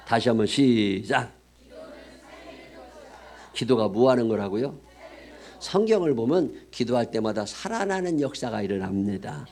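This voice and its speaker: A male pastor preaching at a revival service in a church, folksy and blunt, leading the congregation in call-and-response. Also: on the low side. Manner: folksy and blunt, leads call-and-response, swings loud for emphasis. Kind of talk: revival sermon. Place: church sanctuary.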